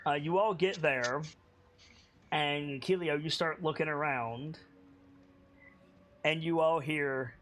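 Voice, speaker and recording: A man narrating a tabletop game as game master, improvising scenes in a halting way as he searches for words. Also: a little high, a bit bright.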